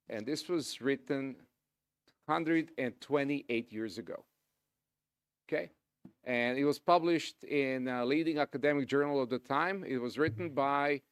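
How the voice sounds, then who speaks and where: Male conference speaker, middle-aged, Serbian accent, informal and halting delivery, close dry sound. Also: medium pitch, clean tone, no room sound. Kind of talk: live academic presentation.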